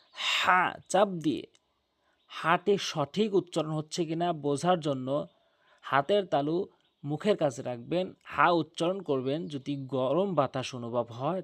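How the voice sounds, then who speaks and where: Slow patient guy teaching quran letters, kinda high voice, drags out each sound. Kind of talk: slow instructional pronunciation lesson.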